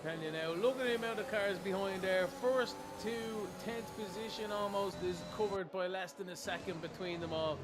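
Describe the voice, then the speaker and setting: A man giving live racing commentary as an excitable motorsport commentator. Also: high-pitched, normal speed, hardly any pauses, background noise. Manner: motorsport commentator delivery, building excitement on moves.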